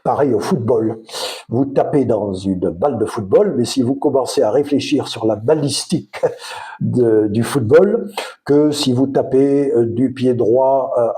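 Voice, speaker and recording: With a dark tone and medium pitch, this Provençal Frenchman in his fifties hosts his own casual vlog at a measured pace. He drifts through reflective thoughts, often hesitating as he goes.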